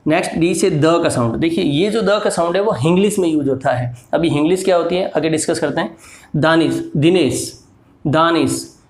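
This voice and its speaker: Male teacher, slightly high voice, very slow and deliberate delivery, echoey room. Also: a little mellow. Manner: repeats words and examples patiently. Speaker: English teacher. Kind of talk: slow explanatory lesson.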